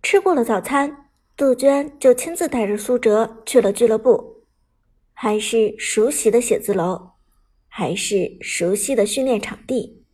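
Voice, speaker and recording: A woman narrating a serialized novel as an audiobook, in a steady, even storytelling manner. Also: a little high, measured pace, breathy edge.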